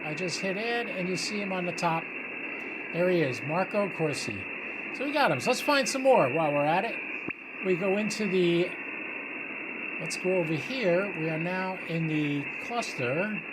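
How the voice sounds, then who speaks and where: A man with a high, expressive voice runs through a ham radio session at normal speed, casually narrating and reasoning aloud at each step. Heavy hiss and static mark the recording, with radio chatter audible behind him.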